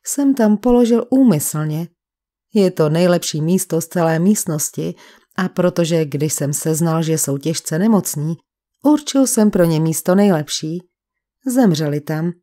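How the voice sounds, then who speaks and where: A woman's voice: on the low side, lively intonation, warm tone, lightly acted. Woman reading as a sly fraud doctor. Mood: persuasive. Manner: falsely friendly, persuasive. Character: smooth-talking male sanatorium doctor, sly fraud.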